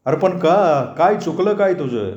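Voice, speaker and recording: A man's voice: fairly high pitch, animated, measured pace, a little mellow, highs cut off, pitched above the performer's own voice. A man playing a fretful old village father. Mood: anxious. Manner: anxious, coaxing. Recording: roomy echo.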